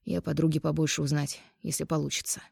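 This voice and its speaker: A woman reading an audiobook, voicing a remorseful middle-aged ex-husband who speaks low, quiet and slow. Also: level tone, gravelly, breathy edge, dry recording, studio quality, exaggerated voice. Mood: weary, thoughtful.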